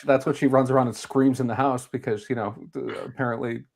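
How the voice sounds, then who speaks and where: Man, 30s, new england accent, animated, jokey, podcast co-host. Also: medium pitch, vocal fry, slight background noise. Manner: animated, jokey, quick laughs. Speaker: guest co-host. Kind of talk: casual podcast chat.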